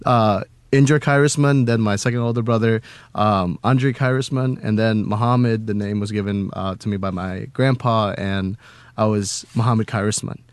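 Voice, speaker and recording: A man's voice: on the low side, fairly even intonation, normal speed, smooth, dry recording. A young man from Indonesia, a college student and slam poet, chatting casually as a radio guest with lots of fillers and laughs. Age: young adult. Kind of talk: casual interview chat. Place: radio studio.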